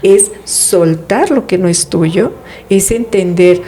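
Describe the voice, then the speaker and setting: A woman's voice: medium pitch, animated, takes it slowly, dark tone, slight background noise. A woman, a guest in an interview, explaining family dynamics in a reflective way, often posing rhetorical questions. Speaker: guest speaking on family therapy. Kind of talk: conversational interview.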